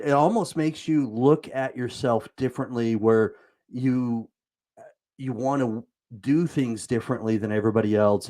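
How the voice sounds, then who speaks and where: Guy hosting an interview, rambly, lots of uhs, mid-pitched voice. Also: a little mellow. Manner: rambling, hesitant, many fillers. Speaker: show host. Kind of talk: casual interview talk.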